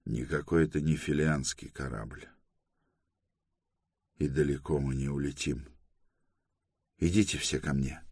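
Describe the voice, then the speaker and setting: Bitter curt captain guy, super low voice, dry sound, a man reading him. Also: steady tone, unhurried, darkish tone, slightly rough, dry recording, heavily acted. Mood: grim. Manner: curt, grim. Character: bitter, stubborn male spaceship captain.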